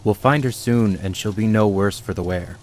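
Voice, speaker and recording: Man voicing a grim, deep-voiced village storyteller. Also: normal speed, darkish tone, lightly acted. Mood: grave. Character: grim village man recounting a horror tale. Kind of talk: scripted horror game narration.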